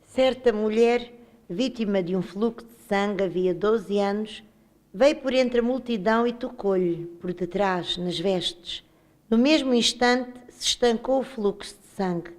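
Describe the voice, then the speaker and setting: A woman with a European Portuguese accent reads a Gospel passage aloud at a steady pace. Her voice sits at a middle pitch, and the reading stays measured. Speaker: scripture reader.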